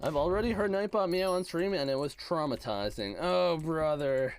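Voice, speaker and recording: A man's voice: on the high side, sing-song, brisk. A man streaming a game who chats casually, reads out and teases his chat, with a voice he says is worn out. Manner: playful, teasing, slangy gamer talk. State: voice worn out, slightly hoarse. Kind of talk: casual livestream chat, reading chat aloud.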